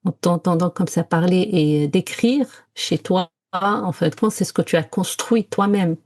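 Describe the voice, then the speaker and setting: A woman from Morocco co-hosts a podcast, speaking casually and reflectively as she tells personal stories. Her voice sits on the low side with a darkish tone, and she talks unhurriedly, searching for words and slipping in English ones.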